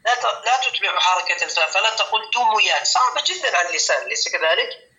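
A male teacher leads a classroom grammar lesson with a high voice and a very bright, sharp tone. He goes patiently, repeats key words slowly and often asks his students whether they follow. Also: big pitch swings, dull audio.

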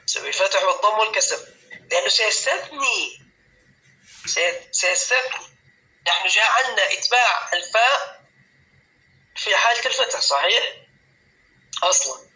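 A male teacher leads a classroom grammar lesson with a high voice and a very bright, sharp tone. He goes patiently, repeats key words slowly and often asks his students whether they follow. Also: animated, poor audio.

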